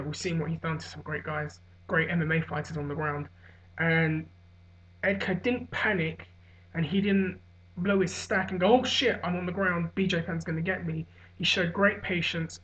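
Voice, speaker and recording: A hungover man giving a casual, rambling solo recap as a vlogger, musing and hesitant with trailing pauses. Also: fairly high pitch, a bit bright. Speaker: vlogger giving fight commentary. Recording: dull, lo-fi sound.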